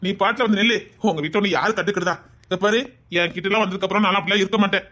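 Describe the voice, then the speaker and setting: An actor voices a scheming young man from a Tamil web drama, speaking in a Tirunelveli accent. He wheedles and presses, always circling back to make sure he is understood. His tone is hushed and close, barely above a murmur. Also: high-pitched, fairly even intonation, racing. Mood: sweet-talking. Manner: coaxing, insistent, keeps asking 'understand?'. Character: smooth-talking young man, manipulative, greedy blackmailer. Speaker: scheming boyfriend on a phone call.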